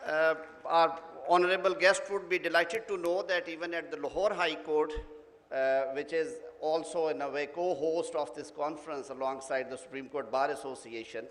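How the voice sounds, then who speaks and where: A man's voice: fairly high pitch, fairly bright tone, a little hiss or hum. A man with a Pakistani accent hosts a formal conference in a courteous, ceremonious way. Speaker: conference host. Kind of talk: formal event hosting. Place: large conference hall, podium. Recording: echoey hall with long reverb.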